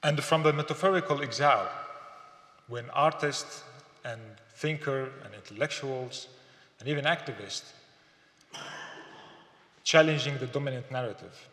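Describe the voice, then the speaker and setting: A man from Syria giving a thoughtful, halting lecture as an artist, with fillers and repeated words. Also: mid-range voice, fairly bright tone. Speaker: artist giving a symposium talk. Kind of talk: public lecture. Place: gallery lecture hall. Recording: echoey hall, long reverb.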